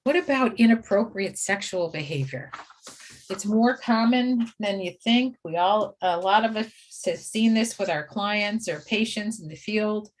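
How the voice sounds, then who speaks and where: A woman's voice: medium pitch, measured pace. A woman teaching caregivers in a training webinar, steadily listing do's and don'ts.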